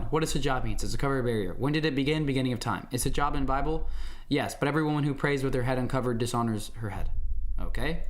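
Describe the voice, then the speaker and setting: A young man hosting a livestream, chatting casually and playfully with his viewers, rambling through questions and answering messages. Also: medium pitch. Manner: rambling, playful, talks to chat. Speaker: livestream host.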